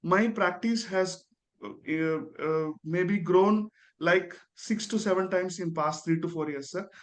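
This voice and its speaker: High-voiced, deferential Indian-accented man. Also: slow pace. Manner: deferential, ends phrases with "sir". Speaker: dentist, guest giving a testimonial. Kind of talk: earnest testimonial.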